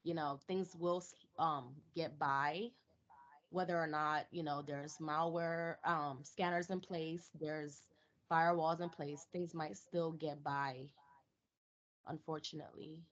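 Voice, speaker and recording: A woman's voice: low-pitched, fairly even intonation, slow. A woman on a video call, answering questions informally and tentatively as a seminar presenter. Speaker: seminar presenter, new to cybersecurity. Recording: dull, lo-fi video call audio.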